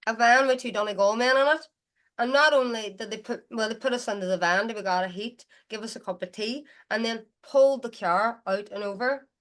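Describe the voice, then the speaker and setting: A woman's voice: on the high side, fairly quick, a bit bright. Chatty woman with a Derry accent. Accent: Derry, Northern Irish. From Derry, Northern Ireland. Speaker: guest musician. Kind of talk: casual chatty storytelling.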